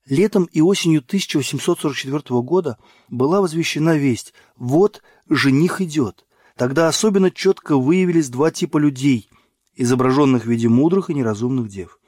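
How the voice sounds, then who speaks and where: A man narrating a religious book in a measured, solemn reading. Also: a little high, darkish tone, dry recording, clean studio sound. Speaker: audiobook narrator.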